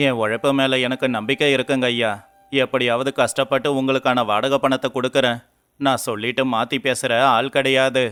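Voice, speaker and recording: A man voicing a poor, humble fisherman in an animated storybook, speaking in an earnest, pleading way. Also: mid-range voice, brisk, smooth, close to an everyday voice. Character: poor, humble young fisherman, despairing husband.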